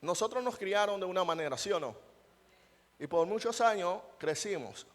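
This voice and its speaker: Emphatic male preacher, somewhat high voice, quizzing his congregation, heard with long church-hall echo. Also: lively intonation, normal speed. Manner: rhetorical questions to the congregation, emphatic. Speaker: pastor. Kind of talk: sermon.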